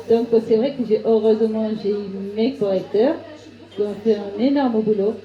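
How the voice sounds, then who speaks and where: A woman author from Spain, a native Spanish speaker, speaks with a Spanish accent. She answers audience questions haltingly and restarts her sentences. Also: mid-range voice, fairly even intonation, mellow. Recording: roomy, slightly dull sound.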